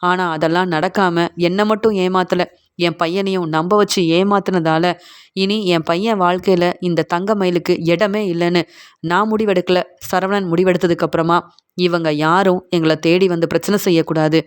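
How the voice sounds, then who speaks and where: A woman's voice: fairly low pitch, fairly even intonation, normal speed, clear, resonant tone, close to an everyday voice. A woman reading the lines of an older father pleading on his son's behalf, in a retelling of a TV serial scene. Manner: pleading, aggrieved.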